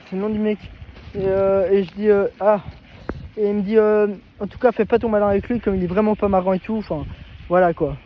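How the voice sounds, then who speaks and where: Male vlogger, high voice, halting casual storytelling, muffled lo-fi sound. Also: steady tone, slight background noise. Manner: hesitant, halting, many restarts. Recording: dull lo-fi recording.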